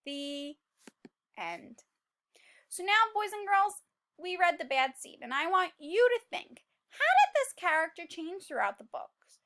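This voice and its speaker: A high-pitched woman reads a picture book aloud in a teacher's role, expressive and full of exclamations, prompting young children with questions.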